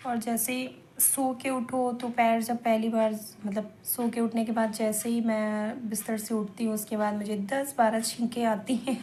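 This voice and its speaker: A woman's voice: fairly high pitch, level tone, normal speed, few pauses, warm tone. A woman vlogging casually in a chatty, rambling way, her throat slightly scratchy. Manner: chatty, rambling, self-correcting. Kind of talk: casual vlog chat.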